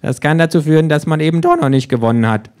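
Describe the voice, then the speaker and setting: A man's voice: a little high, fast talker, darkish tone, smooth, voice pushed up, natural voice. A man voicing a cheeky, sardonic talking kangaroo that lectures everyone in a smug, mocking tone, in an audiobook-style reading. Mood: smug lecturing. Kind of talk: audiobook-style rules narration.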